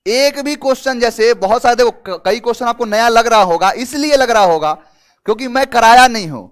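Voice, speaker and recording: A very high-pitched, smooth-voiced man speaks fairly quickly while teaching English vocabulary for exam prep online. He explains in a Hindi-English mix, questions students, and keeps up a lively, talkative style full of everyday examples.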